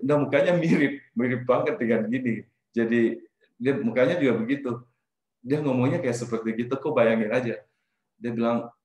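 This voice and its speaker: A middle-aged man from Indonesia telling a personal life story in an animated, casual way, slipping in English phrases. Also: mid-range voice. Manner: animated, mixes in English phrases, trails off and restarts. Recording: roomy echo.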